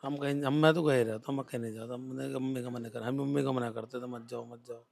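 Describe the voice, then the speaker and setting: A man's voice: mid-range voice, fairly even intonation, fast, creaky, darkish tone. A man answering a reporter's questions, faltering and repeating himself. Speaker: interviewee, son. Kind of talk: field interview answers.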